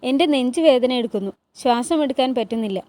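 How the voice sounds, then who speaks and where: A woman's voice: sits high, animated, a little fast, darkish tone. A woman voicing an anxious young concubine. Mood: troubled.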